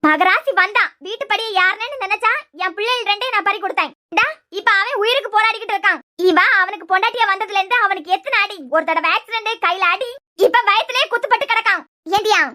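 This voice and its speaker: A woman's voice: extremely high pitch, fast talker, pushed and bright. A woman voicing a harsh, accusing middle-aged mother-in-law in a cartoon serial, with a Kanyakumari Tamil accent. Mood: scolding.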